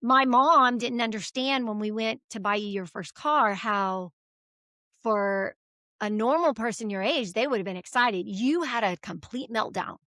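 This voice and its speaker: A woman's voice: on the high side, measured pace, dry recording. A middle-aged woman, the mother, chatting casually as an interview guest and acting out the people in her stories. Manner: animated storyteller acting out quoted voices. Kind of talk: casual chat.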